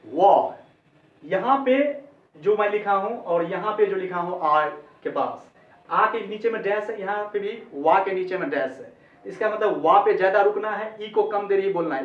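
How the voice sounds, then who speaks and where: A man teaching English pronunciation in a lesson, repeating each sound several times and calling the viewers friends. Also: sits high. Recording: echoey, distant, dull lo-fi sound.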